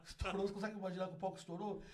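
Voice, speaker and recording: A Brazilian community founder, guesting on a podcast with a Brazilian Portuguese accent, tells stories exuberantly, laughing and loudly acting out voices. His high-pitched voice comes rapid-fire with little pitch movement, over a noisy background.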